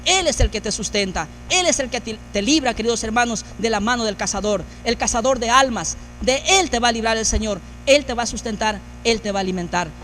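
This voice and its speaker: A man's voice: very high-pitched, a little fast, few pauses, fairly bright tone, a little hiss or hum. A man preaching a sermon as pastor, building emphasis through repeated phrases. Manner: preaching with rising, emphatic repetition.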